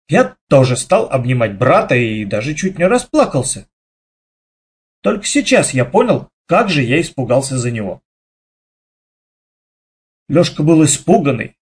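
A man narrating a children's story aloud with lively, dramatic storytelling. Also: a little high, slightly rough. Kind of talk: expressive children's audiobook reading.

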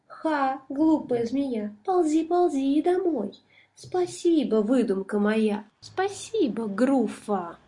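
A woman voicing a small, clever, boastful male mouse with a squeaky, cheeky voice in a storybook reading. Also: animated, slow pace, mellow. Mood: sly.

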